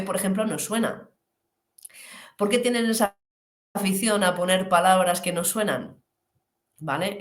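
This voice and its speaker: A woman at a mid pitch gives an online pronunciation class. She talks with animated energy and draws out each example word slowly. The room around her rings with echo. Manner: animated, stretches English model words slowly for emphasis. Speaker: English pronunciation teacher.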